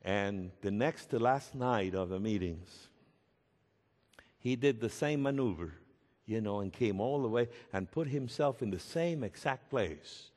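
A man preaching a sermon as a pastor, telling a story slowly and emphatically and rising to shouts at its peaks. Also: fairly low pitch, animated. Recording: echoey hall with long reverb.

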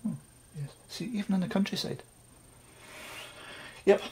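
A man's voice: high-pitched, lively intonation, a little slow, darkish tone, a little hiss or hum. A Scottish man chatting wryly through a casual home recording tutorial. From Scotland. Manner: chatty and wry, with asides and self-mocking jokes.

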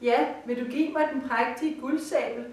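A woman voicing Death, a cold spectre who bargains calmly. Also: sits high, close to an everyday voice. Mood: bargaining. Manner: calm, bargaining. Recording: roomy, far from the mic.

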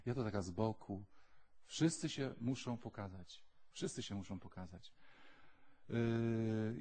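A priest delivers a sermon in a husky, slightly breathy voice of middle pitch. He tells stories with vivid acted-out dialogue, switching between playful voices and low, earnest appeals to his listeners. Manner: animated storyteller, jumps into quoted voices and back to quiet earnest urging.

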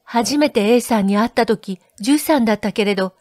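A woman voicing a soft, shy young woman. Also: fairly high pitch, a little fast, dry recording, clean studio sound, lightly acted. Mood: tender. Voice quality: soft, hushed.

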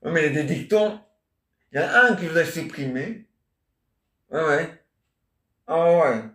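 Guy rambling a comic solo bit, chatty, keeps asking the air questions, slow, roomy echo. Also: on the high side, expressive, a bit bright. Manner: chatty, answers imagined listeners, constant "hein?" and "ah ouais". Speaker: amateur solo stage performer. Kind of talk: rambling improvised comic monologue. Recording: echoey room.

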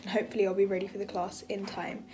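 A woman's voice: medium pitch, level tone, fast talker, mellow, a little hiss or hum. A young woman, a university student, narrating her week in a casual vlog, chatty and full of fillers. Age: young adult.

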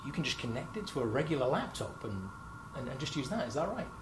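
A young marketing host talks fast in a mid-range voice with big pitch swings, chatty and upbeat with frequent fillers. He is standing indoors in a company lab, hosting a corporate product interview. There is lab background noise in the recording.

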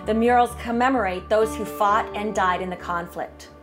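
A woman's voice: mid-range voice, normal speed. A middle-aged woman hosting a travel vlog, narrating the sights in an upbeat, descriptive way. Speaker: travel vlogger host. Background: background music.

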